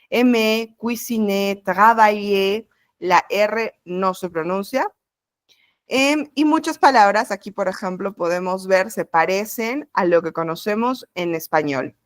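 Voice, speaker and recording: A woman teaches an introductory language class over a video call. She explains each point patiently and step by step. Her voice sits at a middle pitch, and the sound is close and dry, with no room echo. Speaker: French teacher.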